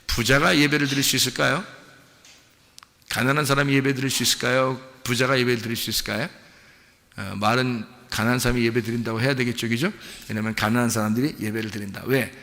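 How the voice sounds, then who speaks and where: A man's voice: medium pitch, creaky, fairly bright tone, in a large hall. A man preaching a sermon as pastor in a conversational way, acting out little dialogues with God. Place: church sanctuary.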